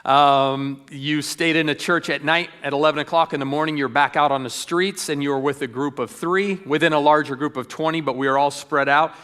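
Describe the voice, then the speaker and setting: A man's voice: on the high side, fairly even intonation, brisk, few pauses, smooth. Earnest middle-aged man giving a church talk. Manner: earnest, warm storytelling with frequent ums and restarts. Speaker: ministry speaker.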